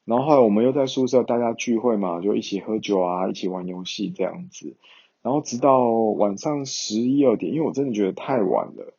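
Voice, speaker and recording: A man's voice: on the low side, expressive, a little fast, gravelly, mellow, slightly rough, muffled recording. A young man, chatting casually to viewers in a rambling way with many fillers. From Taiwan.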